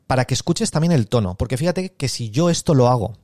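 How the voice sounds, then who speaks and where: A man's voice: medium pitch, animated, a little mellow, no room sound, studio quality. A man giving a live online sales lesson, talking casually to listeners and acting out example sales conversations. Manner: conversational, acts out sales dialogues with pauses. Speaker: sales trainer. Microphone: close microphone.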